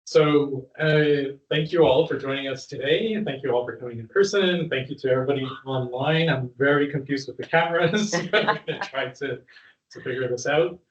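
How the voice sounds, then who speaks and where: A Canadian man in his thirties speaking to a live audience as the guest, chatty and relaxed, laughing now and then. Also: mid-range voice, normal speed. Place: room with an audience. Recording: dull, roomy sound from a distant mic.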